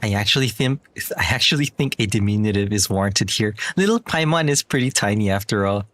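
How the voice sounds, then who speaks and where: A man's voice: fairly low pitch, animated, brisk, fairly bright tone. A young man doing casual playthrough commentary, reacting as he goes and often hesitating or repeating himself. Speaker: game streamer.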